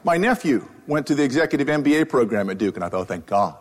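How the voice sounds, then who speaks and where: A man's voice: fairly high pitch, expressive, fast, slight background noise. Wry storytelling man in a reverberant hall. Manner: wry, self-deprecating anecdotal delivery. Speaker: economist giving a public talk. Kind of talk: humorous storytelling lecture. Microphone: wearing a microphone. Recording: live talk with long hall reverb.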